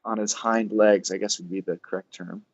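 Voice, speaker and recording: Laughing, animated man telling stories. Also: fairly low pitch, moderate pace, creaky, rough recording. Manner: animated, laughs often, acts out voices in anecdotes. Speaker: coach, podcast guest. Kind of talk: casual interview storytelling.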